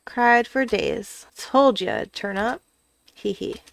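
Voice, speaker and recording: A woman's voice: on the high side, very animated, takes it slowly, creaky, exaggerated voice. A woman voicing a kindly, folksy, reflective old fisherman from a story game. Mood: teasing, fond.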